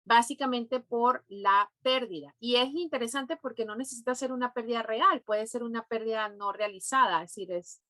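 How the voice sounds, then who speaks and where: Venezuelan woman explaining finance calmly. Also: fairly high pitch, no echo. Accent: Venezuelan Spanish. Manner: explanatory, thoughtful with pauses and fillers. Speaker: guest, neurofinance specialist. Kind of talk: podcast interview.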